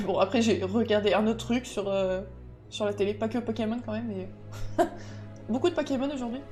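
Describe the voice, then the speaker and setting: A woman streaming a game, chatting casually with her viewers and reacting aloud with excitable outbursts. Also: a little high, normal speed, soft background music. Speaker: gaming streamer. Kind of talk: casual gameplay commentary.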